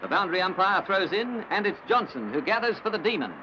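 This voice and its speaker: High-voiced man in an old newsreel. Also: expressive. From Australia. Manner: brisk, formal announcer delivery. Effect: old newsreel recording. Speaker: newsreel commentator. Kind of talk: old newsreel sports commentary. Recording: dull lo-fi old film soundtrack with hiss.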